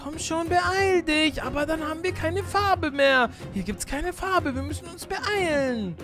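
A woman streaming a game, chatting excitedly with her co-player and the viewers and exclaiming in quick bursts. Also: extremely high pitch, faint music behind. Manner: jumpy, exclaiming, repeats words in bursts. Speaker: gaming YouTuber. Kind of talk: excited gameplay chat.

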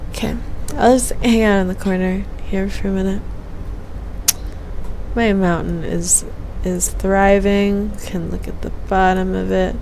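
A woman's voice: mid-range voice, fairly even intonation, unhurried, gravelly, darkish tone, slight background noise, poor audio. A young woman chatting casually on a game stream in a hesitant, meandering way, half muttering to herself into a headset mic. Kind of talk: casual rambling stream chat. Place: small room at home, indoors. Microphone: gaming headset mic.

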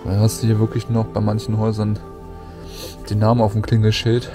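A man's voice: fairly low pitch, completely flat delivery, fairly quick, over music. A man giving an informal, colloquial walk-through commentary as a vlogger out and about. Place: mostly outdoors, walking through an abandoned housing estate.

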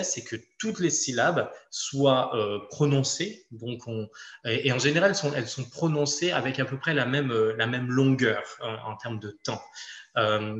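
A man with a French accent teaches a phonetics workshop, explaining patiently and restarting his sentences often. His voice sits at an ordinary middle pitch. The sound carries a noticeable room echo. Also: a bit bright. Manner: explanatory, many hesitations and restarts. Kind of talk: online workshop lecture.

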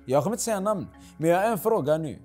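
A young man arguing in loud, slangy banter as a contestant in a reality game, often laughing. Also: a little high, expressive, soft background music. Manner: slangy, laughing, pleading for quiet. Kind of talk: casual group banter.

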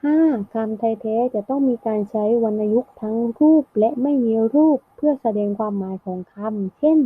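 A woman teacher giving a lesson, explaining slowly and clearly and ending sentences with polite particles. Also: a little high. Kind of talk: classroom lesson narration. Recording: thin phone-like audio.

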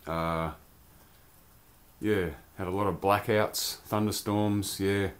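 Low-voiced man chatting about toys. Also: steady tone, takes it slowly. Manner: chatty, rambling, loose slang. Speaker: toy collector vlogger. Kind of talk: casual toy review vlog. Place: home beer cellar, dim.

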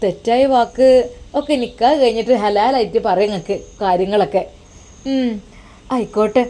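A woman voicing an elderly devout mother who gives gentle, soothing advice. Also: fairly high pitch, moderate pace, close to an everyday voice. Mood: teasing.

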